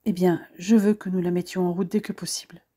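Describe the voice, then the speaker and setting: A woman voicing a loving young French woman, gentle and affectionate. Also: lowish voice, flat delivery, a little fast, slightly rough.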